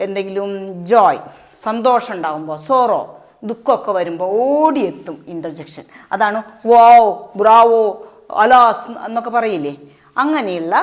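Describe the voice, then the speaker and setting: A woman explaining a grammar lesson as a teacher, asking questions and answering them herself in an animated way. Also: medium pitch. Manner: animated, asks and answers her own questions. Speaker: English teacher.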